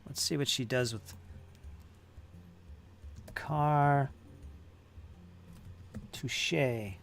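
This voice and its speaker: A man's voice: medium pitch, drawn-out words, gravelly, a little hiss or hum. A man hosting a miniature-painting stream, chatting casually and musing aloud over how words are pronounced. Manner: muses aloud over pronunciation, chatty and joking. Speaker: channel host painting miniatures. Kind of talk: casual chat while painting.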